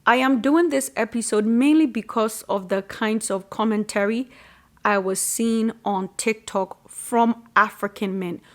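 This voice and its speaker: A woman's voice: on the high side, a little slow. Woman giving earnest solo commentary. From Ghana. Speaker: sociologist and podcast host.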